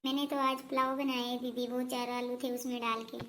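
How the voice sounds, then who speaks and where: A woman playing a meek, hardworking young daughter-in-law who talks softly and reassuringly. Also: fairly high pitch, little pitch movement, a little fast, a little hiss or hum, natural voice. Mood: dutiful. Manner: soft, dutiful, reassuring. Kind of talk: homemade family skit.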